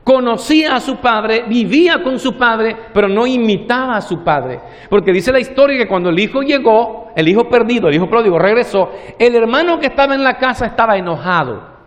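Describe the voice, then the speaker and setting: A man preaching a sermon as pastor, slowing down on key words and acting out the characters' lines in a story. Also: very high voice, lively intonation, long reverb tail. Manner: preaching with long slow pauses, acting out the parable's dialogue.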